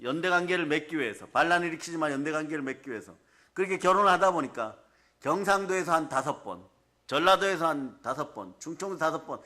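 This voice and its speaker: A male pastor preaching a sermon to his congregation in a church, often firing questions at them and telling animated stories. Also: a little high. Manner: keeps asking the congregation questions.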